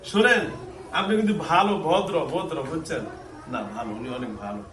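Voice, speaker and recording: A man's voice: a little high, sing-song, a little fast. A man, working as a healer and mufti, coaxing and pressing people with repeated questions while also speaking to the camera. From Bangladesh. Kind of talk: live session addressing camera and visitors. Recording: echoey room, distant mic, faint noise.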